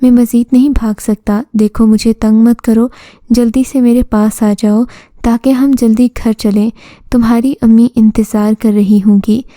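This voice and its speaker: A woman's voice: on the high side, fairly even intonation, moderate pace, mellow, dry recording, close to an everyday voice. A woman voicing an anxious father, a poor cobbler, in a storybook tale, pleading with his daughter.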